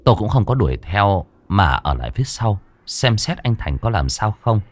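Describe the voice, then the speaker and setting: A man's voice: fairly low pitch, big pitch swings, moderate pace, slight background noise. A man narrating a first-person horror story for an audiobook, drawing out the eerie passages with dramatic delivery.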